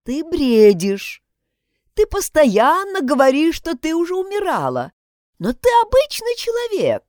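A woman's voice: sits high, sing-song, unhurried, darkish tone, dry recording, studio quality. A woman reading as a stern, curt hospital nurse. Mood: condescending. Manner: curt, insistent, raised voice. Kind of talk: audiobook character voice.

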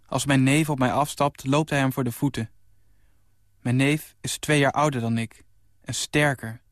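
A man in his twenties reading his own short story aloud on radio, in a calm and even storytelling voice. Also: mid-range voice, normal speed, dry recording, clean studio sound. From Netherlands. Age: 20s.

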